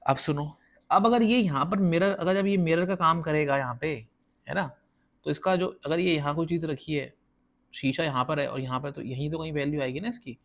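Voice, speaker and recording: A man teaching a casual whiteboard math lesson, explaining step by step and often checking that viewers follow. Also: a little high. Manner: counts slowly while drawing.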